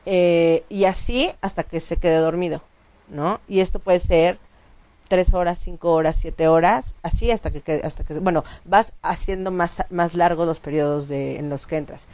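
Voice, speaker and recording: This co-host of a casual chat show speaks in a fairly low-pitched woman's voice at a moderate pace. Animated and explanatory, she goes on at length, restarting often and using plenty of fillers.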